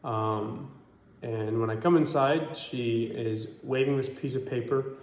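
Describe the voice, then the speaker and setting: A man's voice: medium pitch, measured pace, echoey room, a little hiss or hum. A man in his twenties giving a hesitant statement to camera, with many ums. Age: 20s.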